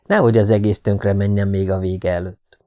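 A man reading a novel aloud as an audiobook narrator, in an even, measured storytelling manner. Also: on the low side, lo-fi sound. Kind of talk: scripted narration.

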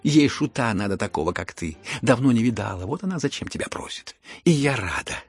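A man voicing a hot-tempered, imperious older noblewoman in an audiobook, with sharp scolding outbursts and a gravelly, husky voice. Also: mid-range voice, lively intonation, a little fast, no echo, soft background music. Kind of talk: audiobook character reading.

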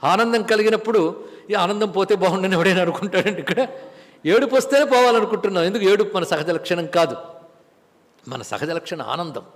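A man giving a Bhagavad Gita discourse who explains patiently, chants verses slowly and acts out little dialogues. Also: high-pitched, big-room sound. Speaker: spiritual discourse speaker.

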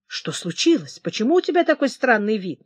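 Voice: mid-range voice, big pitch swings, a little fast. A reader doing an anxious young mistress. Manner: anxious, pleading. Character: frightened young woman, king's mistress. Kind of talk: audiobook character reading.

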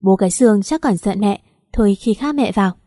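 A woman voicing a blunt, sharp-tongued older mother-in-law in an audio story. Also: medium pitch, a little fast, dry recording, studio quality, natural voice. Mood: brusque. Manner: blunt and curt.

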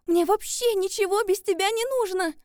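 A woman's voice: high voice, normal speed, dark tone, no echo, studio quality, voice pushed up, lightly acted. A woman voicing a young woman in love who pleads tearfully and desperately, in an audiobook. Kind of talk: audiobook character voice.

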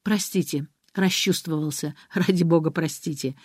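A woman doing a gentle middle-aged father. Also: a little high, normal speed, no echo, studio quality, close to an everyday voice. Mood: soft. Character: middle-aged father, tender, self-ironic, emotional. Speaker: father, former musician.

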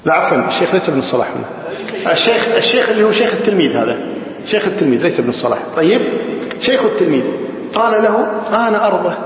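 Guy teaching hadith, kinda high voice, big echoey hall, dull old recording. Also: very animated, racing, a crowd in the background. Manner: explains lines of verse, asks students questions. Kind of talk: classical text lesson.

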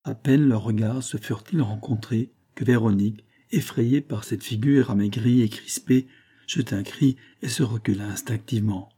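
A man reading a novel aloud as an audiobook narrator, in a measured, literary style. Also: fairly low pitch, mellow, slightly rough. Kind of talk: scripted narration.

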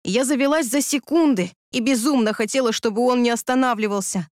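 Woman reading an audiobook, higher voice. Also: a little fast, darkish tone, no room sound, clean studio sound. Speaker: audiobook narrator. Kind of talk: first-person audiobook reading.

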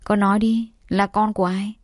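A woman voicing a calm, composed middle-aged father in an audio story, quiet and gentle. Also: mid-range voice, normal speed, no room sound, studio quality, close to an everyday voice.

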